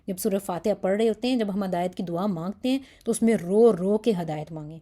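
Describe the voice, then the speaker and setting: A woman's voice: medium pitch, warm tone. A woman teaching a Quran lesson in Urdu with a Pakistani accent, speaking earnestly and with feeling, mixing in English words. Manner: earnest, pleading, acts out examples.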